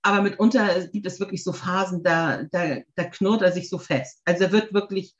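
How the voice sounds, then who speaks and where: A woman's voice: on the low side, moderate pace. Chatty woman in a roomy, dull-sounding room. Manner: chatty, animated storytelling, frequent fillers. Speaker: podcast guest, dog owner. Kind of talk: casual conversation.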